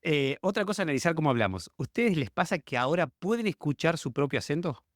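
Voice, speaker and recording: A man from Argentina with an Argentine accent, hosting a relaxed podcast chat and asking his guests questions. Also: on the high side, quick pace, no room sound, studio quality. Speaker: podcast host. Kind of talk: casual conversational podcast chat.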